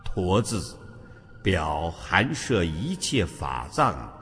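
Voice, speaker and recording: A man speaks in a deep-set, unhurried voice, reading a scripted narration with a solemn weight on each phrase. His pitch rises and falls widely as he goes. Clear music plays behind him throughout. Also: big pitch swings, fairly bright tone. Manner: slow, measured and solemn. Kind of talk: scripted narration on Buddhist chanting.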